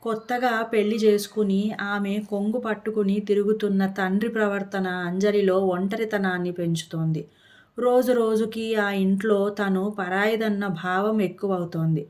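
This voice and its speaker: Woman narrator for a moral short story, steady and expressive, middle pitch. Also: unhurried.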